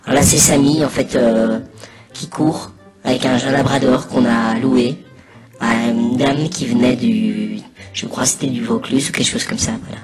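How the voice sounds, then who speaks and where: Man, medium pitch, casual mock narrator, hesitant rambling delivery, loud music behind the voice. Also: fairly even intonation. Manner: hesitant, rambling delivery with pauses mid-sentence. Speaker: narrator of a spoof anonymous behind-the-scenes testimony. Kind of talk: casual, improvised mock commentary over video.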